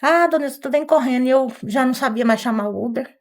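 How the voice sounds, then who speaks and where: A middle-aged woman with an interior São Paulo accent tells her story in a fairly high voice. She is shaken and nervous, and she wanders through the events while quoting what each person said. She keeps checking in with "né?". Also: fast talker. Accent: Brazilian Portuguese, São Paulo interior. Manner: rambling retelling full of quoted dialogue and "né?" tags. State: distressed, nervous. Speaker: mother of the victim. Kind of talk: emotional first-person testimony.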